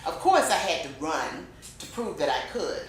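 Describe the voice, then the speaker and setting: A woman teaching a speech club class, speaking expressively with lots of emphasis and rising and falling tone. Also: normal speed. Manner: expressive, varies pitch and emphasis. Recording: very echoey room.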